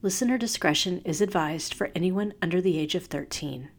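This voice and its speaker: A woman hosting a true crime podcast, reading scripted narration in a measured, serious storytelling manner. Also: on the low side.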